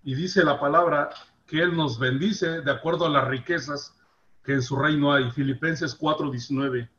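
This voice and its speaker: Earnest man preaching, muffled. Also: fairly high pitch. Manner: earnest, rises and drops in loudness for emphasis. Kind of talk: devotional sermon.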